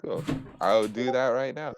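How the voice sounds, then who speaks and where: A man's voice: mid-range voice, unhurried. A man playing a tabletop game, chatting casually and describing what his character does. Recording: faint background noise.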